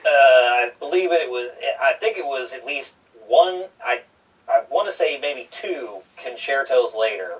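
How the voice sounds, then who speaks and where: A man's voice: medium pitch, expressive. Guy a bit far from the mic, dull sound, chatting wrestling, stumbles and repeats. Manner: halting, repeats himself. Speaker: wrestling show co-host. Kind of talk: casual wrestling talk.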